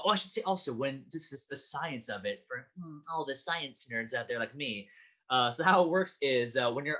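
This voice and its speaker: A man's voice: medium pitch, pushed and bright. A man teaching a voice acting class, upbeat and explaining with many fillers and restarts.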